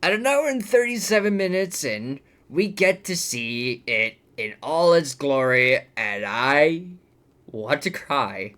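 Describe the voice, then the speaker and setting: A man talks through a bad movie at an unhurried, drawn-out pace, cursing constantly. His voice jumps up into loud disbelief, then sinks into weary grumbling. It is an exasperated, profane rant in the style of online commentary. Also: on the high side, very animated. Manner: profane, exasperated, with swings between outbursts and mutters. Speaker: movie reviewer.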